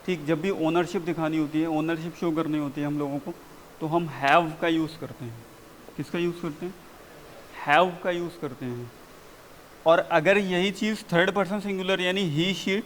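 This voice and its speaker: A man teaching a grammar class, slowly drawing out example sentences. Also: on the high side, fairly bright tone, a little hiss or hum. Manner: slow, drawn-out drilling of example sentences. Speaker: English communication coach. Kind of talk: classroom grammar lesson, Hindi mixed with English. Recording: reverberant hall.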